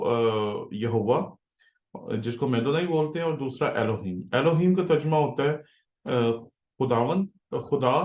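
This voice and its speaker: A man's voice: medium pitch, a little mellow, roomy sound, lo-fi sound. A man teaching a Hebrew reading class as a pastor, explaining patiently step by step and checking often that students follow. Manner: patient, explaining step by step with frequent "theek hai". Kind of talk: online class lesson.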